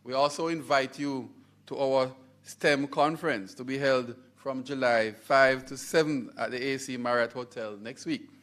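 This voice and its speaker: A man with a Jamaican accent, a college head giving a formal, emphatic ceremonial speech with stressed words and pauses. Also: mid-range voice, fairly even intonation, fairly bright tone. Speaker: university college head speaking at a scholarship launch.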